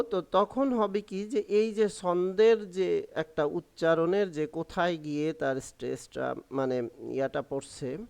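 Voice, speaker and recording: A man with a Bangladeshi Bengali accent, a teacher trainer explaining a lesson in a halting way, with many fillers, spelling out example words slowly. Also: a little high, gravelly, a little mellow.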